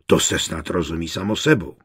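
A man voicing a kindly, playful grandfather in an audiobook, talking in a friendly, slightly husky voice. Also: low-pitched, lively intonation, a bit bright, pitched below the performer's own voice, full character voice.

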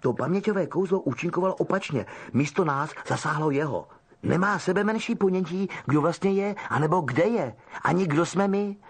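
A man voicing an eager, loyal teenage boy who talks in quick exclamations. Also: a little high, expressive, breathy edge, voice pushed up. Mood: worried.

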